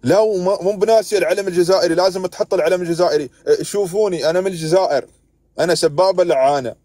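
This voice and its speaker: A man's voice: high voice, rapid-fire, mellow, dry recording. A man with an Emirati accent hosting a heated live stream, scolding and arguing with callers. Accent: Emirati Arabic. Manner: exasperated, scolding, keeps interrupting callers.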